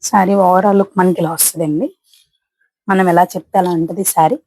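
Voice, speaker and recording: A woman's voice: on the low side, fairly even intonation, fairly quick, mellow, dry recording, rough recording. Woman showing sarees. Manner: chatty, repetitive selling patter. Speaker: saree seller. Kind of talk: casual product showcase.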